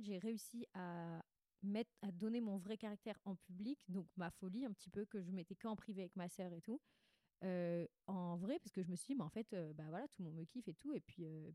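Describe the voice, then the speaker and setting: With a congested nose, a twenty-something podcast host delivers a brisk, candid monologue full of slang, like spilling secrets from a diary. Her mellow voice sits at a typical female pitch, and the recording is very dry, without room reverb. She wanders a lot and keeps correcting herself partway through sentences.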